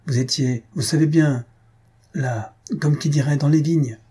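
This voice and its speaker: A man's voice: fairly high pitch, measured pace, mellow, breathy edge, voice pushed up. A man voicing a sly, indulgent old male servant who teases his master with hesitant hints. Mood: teasing. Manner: teasing, hesitant.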